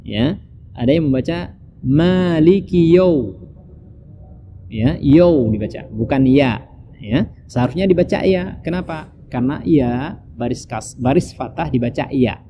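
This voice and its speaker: A man with an Acehnese accent teaching Quran recitation patiently, repeating each verse slowly. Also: medium pitch, animated. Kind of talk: slow recitation lesson. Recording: dull lo-fi recording with clear background noise.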